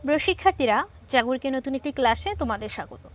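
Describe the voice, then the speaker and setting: A woman's voice: high voice, expressive, racing, slight background noise. A woman from Bangladesh teaching an online school lesson, reading each question aloud and then patiently dictating the answer step by step. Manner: patient, explains step by step to pupils.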